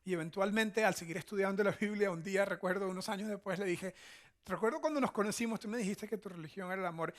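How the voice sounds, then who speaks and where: This preacher talks fast in a high-pitched voice. A pastor with a Venezuelan Spanish accent, he gives a conversational teaching sermon, regularly pausing on short tag questions to check in.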